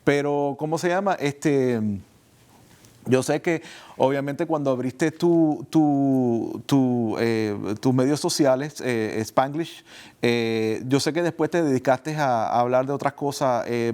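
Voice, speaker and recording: A man hosts a relaxed interview. His voice sits in an ordinary middle register, and he keeps stopping, repeating words and filling gaps as he gathers his thoughts. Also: medium pitch. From Puerto Rico. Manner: hesitant, many fillers and restarts. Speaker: host. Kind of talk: casual interview chat.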